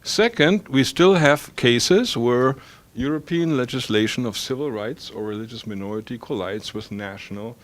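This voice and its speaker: Speaking on an academic panel, a German man with a German accent thinks aloud, full of fillers and restarts. His voice is medium in pitch and his pace moderate.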